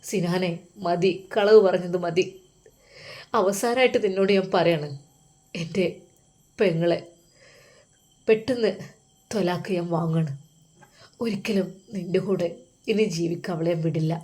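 A woman's voice: on the low side, unhurried, long pauses, darkish tone, pitched below the performer's own voice, natural voice. A woman voicing a bitter, accusing older brother. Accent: Malappuram Malayalam. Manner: accusing, bitter, pressing questions.

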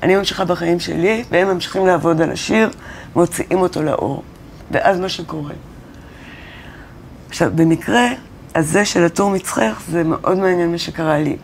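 Woman spinning a lively story, acts out the voices, faint room hiss behind. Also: lowish voice. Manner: animated storyteller who acts out quoted dialogue. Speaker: interviewed singer-songwriter. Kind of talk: storytelling in a casual interview. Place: college studio or classroom.

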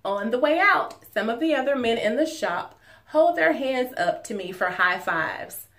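A woman in her forties, a teacher reading a children's storybook aloud at home in an expressive, animated way. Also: on the high side, unhurried. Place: living room at home.

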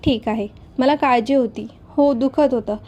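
High, mellow woman narrating a story. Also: a little slow.

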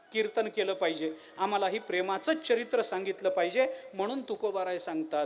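Animated kirtan preacher, man. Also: high-pitched. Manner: animated storyteller, rises to loud excited passages, chants verses slowly. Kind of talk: devotional sermon with sung verses. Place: large gathering at a kirtan festival.

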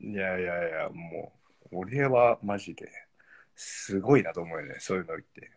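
A man's voice: deep voice, normal speed, breathy edge. A man, chatting casually on a live stream and laughing often. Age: 40s. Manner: laid-back, laughs often, joking. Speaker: pro footballer, live-stream guest.

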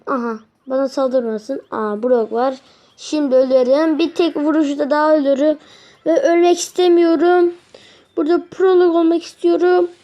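A woman giving live gameplay commentary, grumbling and repeating words in quick bursts as she plays. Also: sits high, warm tone, lo-fi sound. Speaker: gaming video host.

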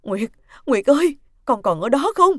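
A woman's voice: high voice, very animated, a little slow, no echo, clean studio sound, voice pushed up, heavily acted. A woman voicing an irritable, easily panicked elderly grandmother who cries out shrilly. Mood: frantic. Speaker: mother-in-law character.

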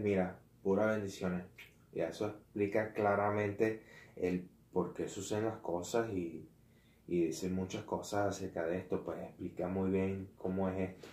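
Slow, halting man preaching casually. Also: deep voice, dark tone. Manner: halting, self-correcting, slangy asides. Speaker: lay preacher. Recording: roomy echo.

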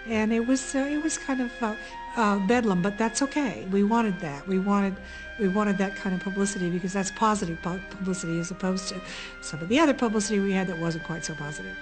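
A woman's voice: mid-range voice, a little fast, over music, rough recording. A woman giving a candid, conversational documentary interview about past events.

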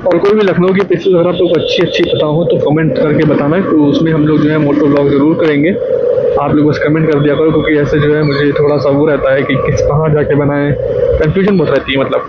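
Chatty motovlogger man over loud road noise. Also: on the high side, flat delivery, quick pace, dull audio. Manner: chatty, repeats requests to viewers. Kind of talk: casual riding commentary. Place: on a motorbike on city roads.

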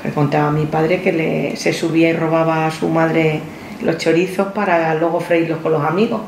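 A woman's voice: sits low, flat delivery, normal speed, creaky, darkish tone. A woman with an accent from Spain, chatting casually and prompting with questions as an interviewer. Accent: Spanish from Spain. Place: living room at home. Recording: roomy home recording, faint noise.

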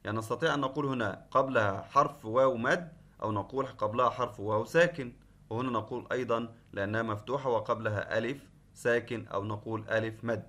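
A male teacher giving an online class lesson at a measured, patient pace. His voice sits in the middle range. He explains step by step and repeats the key points. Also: mid-range voice, fairly even intonation, fairly bright tone. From Qatar. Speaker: Arabic teacher.

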